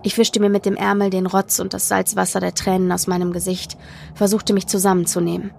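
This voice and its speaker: A woman reading a first-person story aloud as audiobook narrator, in a measured, dramatic way. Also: medium pitch, little pitch movement, creaky, a little mellow, slight background noise.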